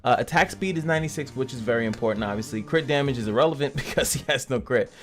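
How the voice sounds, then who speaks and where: A man's voice: mid-range voice, fast, fairly bright tone. A man hosting a casual gaming commentary channel, joking and chatty as he reviews a character. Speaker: game reviewer and channel host.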